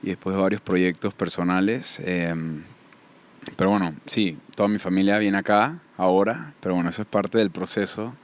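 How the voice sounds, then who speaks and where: A man's voice: low-pitched, steady tone, normal speed. A young Panamanian man speaking with a Panamanian accent, a guest telling his life story in a casual podcast interview. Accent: Panamanian Spanish. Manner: storytelling, warm and faith-focused.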